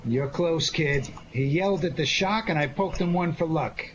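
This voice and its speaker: Smug and teasing, this slightly high-voiced man plays the unflappable amateur detective of a 1940s-type radio drama, swapping slangy, sardonic quips. His acting is light and his pace moderate, captured on dull lo-fi audio carrying faint noise.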